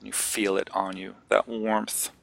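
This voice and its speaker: A man guides a meditation in a lowish, bright voice with a crisp edge and a level tone. He speaks gently and unhurriedly, leaving long pauses.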